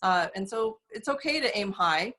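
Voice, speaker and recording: A woman talks as an interview guest, measured and earnest, often pausing on fillers as she explains. Her voice sits at a middle pitch. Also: expressive, pushed and bright. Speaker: guest, soap company representative. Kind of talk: casual interview talk.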